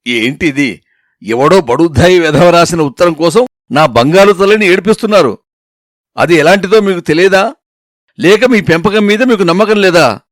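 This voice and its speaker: A man voicing a protective grandmother who scolds her family sharply and coaxes her granddaughter gently, in a storytelling reading. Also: medium pitch, measured pace, long pauses, dry recording, studio quality, pitched below the performer's own voice, natural voice. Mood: scolding. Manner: sharp scolding, then soft coaxing.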